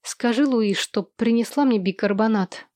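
Woman voicing ailing pregnant wife, high-pitched, shrieking, groaning, irritable. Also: normal speed, a little mellow, no echo, studio quality, lightly acted. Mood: complaining.

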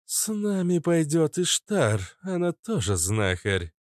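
A man's voice: a little high, very animated, slow pace, no echo, clean studio sound, voice pushed up. Audiobook: male reader as a playful, loving young heroine, voice pushed well up. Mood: lively. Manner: squealing, affectionate, teasing. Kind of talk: audiobook character voice.

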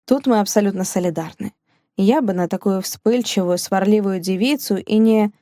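Sir John, a woman doing a cynical gentleman. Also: mid-range voice, no room sound, studio quality, lightly acted. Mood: sardonic. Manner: mocking, slow and weighty. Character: gruff, cynical older gentleman. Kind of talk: audiobook character reading.

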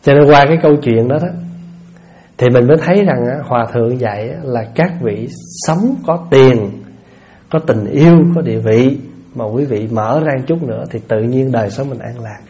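A man's voice: medium pitch, normal speed, dark tone. A man, a Buddhist monk giving a conversational dharma talk in a folksy manner, often asking listeners rhetorical questions. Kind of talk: conversational sermon.

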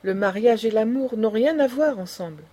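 A woman's voice: fairly high pitch, expressive, normal speed, dark tone. A woman voicing an indignant aristocratic old grandmother who lectures with passion. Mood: lecturing. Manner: impassioned, lecturing.

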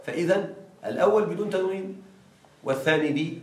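A male teacher leads a grammar class and keeps prompting his students to finish his sentences. His voice sits a little high and carries through a roomy, echoing classroom. The mic picks him up from some distance. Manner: quizzes students with fill-in-the-blank prompts; slow, stressed reading of example phrases. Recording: echoey room, distant mic.

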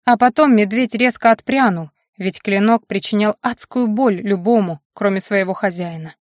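Woman narrator, first-person fantasy audiobook, steady expressive reading, mid pitch, dry close sound. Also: normal speed, no room sound.

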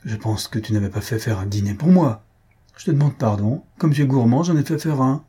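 A man voicing a lonely, kind country gentleman who grumbles and reproaches his friend. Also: medium pitch, expressive, fairly quick, husky. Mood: grumbling.

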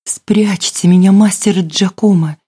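A man's voice: high voice, steady tone, unhurried, dark tone, breathy edge. A woman narrator voicing a frightened young woman fugitive who pleads breathlessly, partly in a whisper. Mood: desperate pleading.

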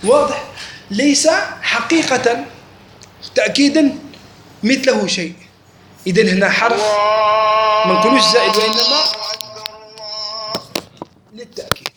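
In an echoey room with faint noise, a religious teacher with a very high-pitched voice speaks at normal speed and pauses often. He keeps asking his students questions to check whether they're following the lesson.

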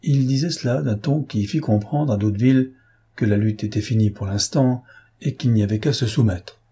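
A man reading a novel aloud as audiobook narrator, with measured, steady storytelling. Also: medium pitch, breathy edge. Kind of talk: scripted narration.

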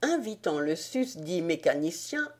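Woman, audiobook narrator, slow and measured, lowish voice. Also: very animated, darkish tone. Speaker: audiobook reader. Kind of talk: scripted narration.

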